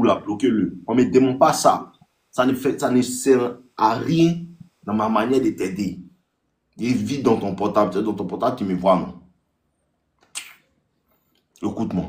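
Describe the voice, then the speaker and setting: Animated Ivorian man giving dating advice. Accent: Ivorian French. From Ivory Coast. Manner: animated, acts out text exchanges in a higher voice; repetitive, addresses listeners directly. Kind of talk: casual live advice talk.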